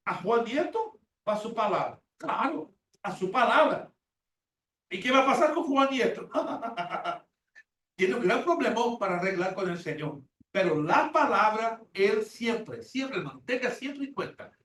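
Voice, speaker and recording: Heard from far off in an echoey church classroom with faint hiss, a man in his sixties leads a sermon-style Bible class, repeating words emphatically and performing quoted prayers. He speaks a little slowly, with a high, fairly bright voice and lively intonation.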